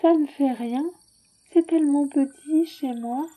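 Le Petit Prince, high curious little boy, as a woman reads him. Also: a little slow, dark tone. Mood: wondering. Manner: childlike, insistent questioning.

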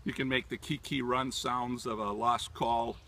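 Man, 60s, creaky and bright-edged, informal instructor demonstrating outdoors, halting delivery, mic at a distance. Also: mid-range voice, flat delivery. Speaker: turkey hunting instructor. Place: outdoors in leafy woodland. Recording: distant mic outdoors, natural background sounds.

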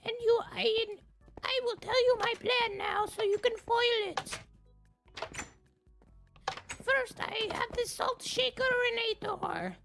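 Woman putting on a cartoon mad scientist villain, very high squeaky voice, gravelly fry, gloating monologue, game music behind. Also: steady tone, takes it slowly, pauses often, full character voice.

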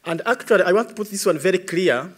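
A man's voice: high voice, lively intonation, fast talker, breathy edge. A man in his thirties with a Ugandan English accent, speaking earnestly as an environmentalist answering questions at a tribunal, building emphasis as he goes. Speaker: environmentalist witness. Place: large dark conference stage. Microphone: podium microphone.

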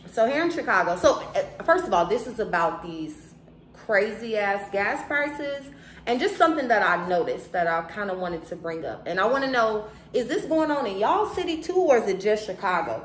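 A woman's voice: medium pitch, fairly bright tone. An American woman in her thirties chatting casually to camera as a vlogger, with a lisp and whistling s sounds from braces. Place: living room, indoors on a sofa. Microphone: camera a short distance away. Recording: roomy echo, faint background noise.

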